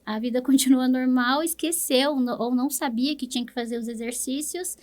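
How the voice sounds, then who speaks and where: In an interview, a woman with a Brazilian Portuguese accent explains things patiently as a speech therapist, frequently finishing phrases with "né?" to check in. She has a high, slightly mellow voice, steady in tone and at normal speed.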